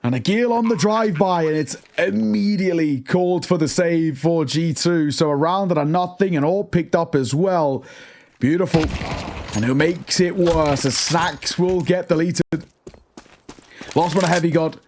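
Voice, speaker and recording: A man's voice: on the high side, a little slow, a little mellow. A man working as an esports caster, mixing conversational analysis with play-by-play commentary on a live match. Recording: clear background noise behind the voice.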